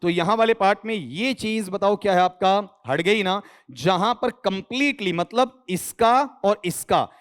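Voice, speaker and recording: High-voiced man quizzing a class. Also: a little slow, hardly any pauses. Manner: quizzing students, answering his own questions; teasing, joking asides. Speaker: English teacher. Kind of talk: online exam-prep lesson.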